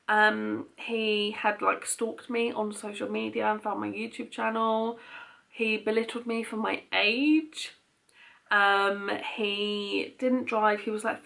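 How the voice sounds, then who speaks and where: A woman's voice: medium pitch, gravelly, a bit bright. A young British woman chatting casually and candidly in a vlog Q&A, rambling along with frequent filler words. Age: young adult. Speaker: vlogger.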